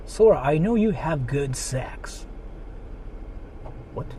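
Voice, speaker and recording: While driving, a native Japanese speaker with a Japanese accent chats on a casual livestream and reads donations, his fairly high male voice animated but slow and mellow. He rambles, repeats himself, and tells crude jokes, all over the noise of the moving car's interior.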